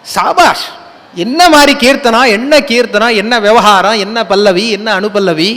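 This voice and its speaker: Man, high voice, devotional discourse, storytelling, sings lines now and then, long hall echo. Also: normal speed, fairly bright tone. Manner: acts out dialogue, breaks into sung lines. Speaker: religious discourse speaker.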